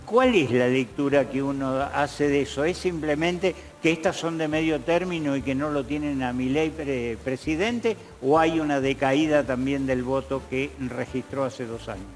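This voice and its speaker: A man's voice: mid-range voice, normal speed, few pauses, long reverb tail. A man, a show host asking an analyst questions in a conversational way. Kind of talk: interviewer questions.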